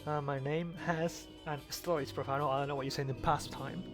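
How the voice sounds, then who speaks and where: Over a remote voice call, a podcast co-host casually chats while playing a game, joking and rambling with repeated words. His voice is on the high side with fairly even intonation, he speaks fairly quickly, and music plays in the background.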